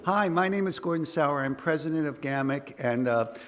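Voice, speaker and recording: An American man with a gravelly, hoarse voice, giving a prepared speech as the president of a community organization. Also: fairly high pitch, normal speed, fairly bright tone. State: hoarse, strained voice. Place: large indoor meeting hall. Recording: reverberant hall.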